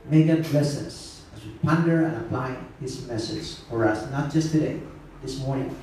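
Echoey Filipino-accented pastor preaching. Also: male voice, medium pitch, normal speed, darkish tone, slight background noise. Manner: emphatic, counts points, asks the congregation questions. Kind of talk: sermon. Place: church hall, indoors. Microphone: handheld mic, far camera. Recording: very echoey hall, from far off.

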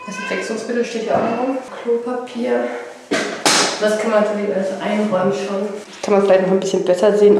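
A young woman with a cold speaks in a medium-pitched, darkish voice over a little hiss or hum. She chats her way through a casual tour of her family home, filming herself on a handheld action camera at arm's length as she walks and points things out.

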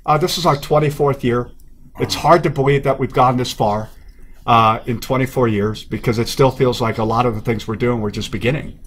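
Man, team rep and ballpark announcer, casual promo chat, medium pitch. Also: fairly quick, a bit bright, a little hiss or hum. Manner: upbeat promotional, joking. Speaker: baseball team representative and stadium announcer. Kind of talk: casual studio interview.

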